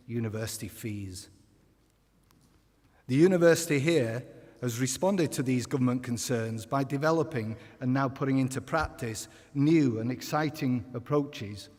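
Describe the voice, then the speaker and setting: A man giving a formal, measured podium speech as a university vice-chancellor in a large, echoing hall. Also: mid-range voice, a little mellow. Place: large ceremony hall, indoors. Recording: echoey hall with long reverb.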